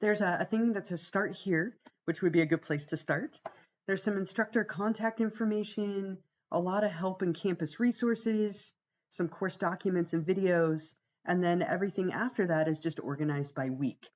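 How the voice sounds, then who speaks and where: A woman instructor with a gravelly voice, worn by a cold and a week of talking, giving an informal, reassuring class orientation on a livestream. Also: lowish voice, moderate pace, lo-fi sound. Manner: reassuring, conversational. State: fighting a cold, voice strained from much talking. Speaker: college psychology instructor.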